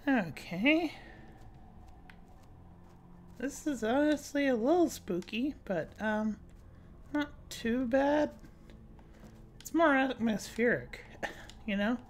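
A woman's voice: fairly high pitch, lively intonation, takes it slowly, pauses often, slight background noise. A woman hosting a let's play, chatting casually and reading dialogue aloud with frequent giggles. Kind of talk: casual gameplay commentary.

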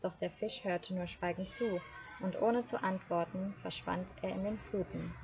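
A woman reading a fairy tale aloud as the evening storyteller, calm and steady, now and then correcting herself. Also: fairly low pitch, moderate pace, a little hiss or hum.

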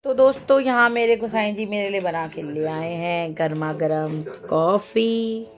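A woman's voice: mid-range voice, a little slow, music in the background. A woman from Almora in Uttarakhand, chatting casually and playfully in a home vlog. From Almora, Uttarakhand, India. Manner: chatty and playful, coos in baby talk to her pet. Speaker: vlogger and housewife. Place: at home indoors.

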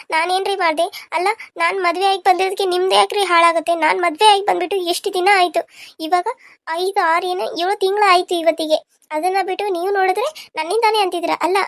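A woman's voice: no echo, studio quality. A woman voicing a devoted young wife in a cartoon serial who pleads and questions plaintively. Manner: plaintive, questioning, high-pitched.

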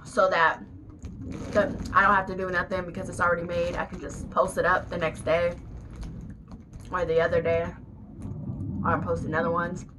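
A woman's voice: lowish voice, level tone, moderate pace, long pauses, noisy background. A woman vlogger chatting casually at home, talking while she chews. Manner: chatty, talks while chewing. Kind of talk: casual eating vlog chat. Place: her bedroom at home.

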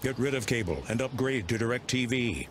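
A man voicing a deadpan, cautionary announcer in a scripted TV commercial. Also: medium pitch, moderate pace, lightly acted. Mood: deadpan warning. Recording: noisy commercial soundtrack.

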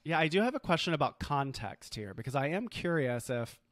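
A man's voice: a little high, very animated, brisk, a bit bright, no echo, clean studio sound. A man co-hosting a podcast in casual chat, earnest and hedging, thinking aloud as he talks. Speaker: podcast co-host.

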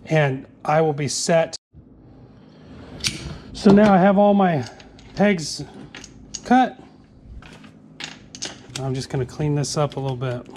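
A man's voice: a little high, slow pace, long pauses, darkish tone, a little hiss or hum. A man in his forties in a workshop, casually walking through a build step by step with plenty of "uh"s. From Northeast Florida. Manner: plain, easygoing, narrating each step with many "uh"s. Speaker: fishing tackle maker. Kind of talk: casual how-to workshop demonstration.

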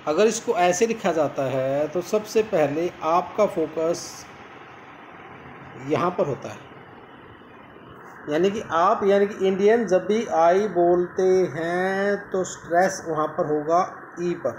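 A man's voice: high voice, slow, darkish tone, slight background noise. A man teaching English pronunciation, repeating each practice word several times as he drills it. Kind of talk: pronunciation lesson. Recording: echoey room.

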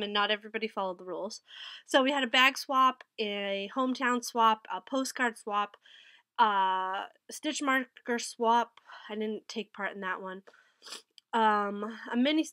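Slightly high, pushed and bright, this thirty-something woman's voice sounds a little nasal from a head cold as she rambles to her desk webcam about her knitting haul. It's a casual haul and recap vlog from a small wood-paneled room lined with bookshelves, and her chatty talk keeps correcting itself. The recording is dry.

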